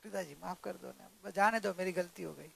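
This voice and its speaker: A man voicing a calm, humble young daughter-in-law who speaks softly and apologetically. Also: high-pitched, normal speed. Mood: gentle, humble. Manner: soft, gentle, apologetic.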